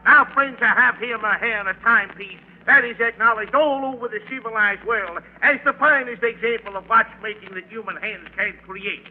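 Brief: showy auction huckster; high, thin old broadcast sound. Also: male voice, normal speed, few pauses. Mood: salesy. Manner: showy sales patter. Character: smooth-talking male auctioneer, hustler. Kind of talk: 1940s radio acting. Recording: tinny old radio broadcast.

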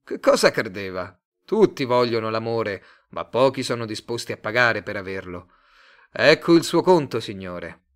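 A man reading a story aloud, voicing a cold, bland male agency director who speaks calmly and condescendingly. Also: moderate pace. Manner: calm, low, coolly condescending.

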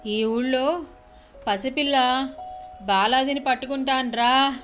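A woman voicing a male village shaman possessed by a furious goddess, shouting threats in a raised, strained voice. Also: sits high, faint music behind. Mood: furious, raging. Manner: shouting, threatening, drawn-out menacing cries. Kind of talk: storytelling.

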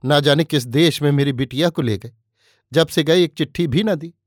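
An elderly village mother, motherly and plaintive, speaking a little higher than the reader's own voice, as a male narrator puts her on. Her lines come from a storybook reading. The recording is dry and close. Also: moderate pace, no echo, lightly acted. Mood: tearful. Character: elderly village woman, tearful then pleased, motherly.

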